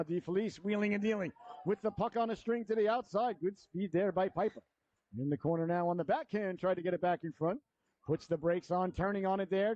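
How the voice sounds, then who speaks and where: High-pitched male hockey announcer, echoey sound. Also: dull audio. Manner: folksy, excitable on plays, colourful slang. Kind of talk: live hockey announcer commentary.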